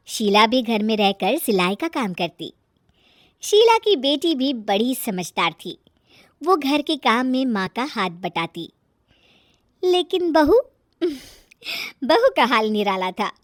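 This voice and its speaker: Expressive woman storyteller, high voice. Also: no echo, studio quality. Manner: expressive, unhurried. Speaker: narrator. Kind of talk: storybook narration.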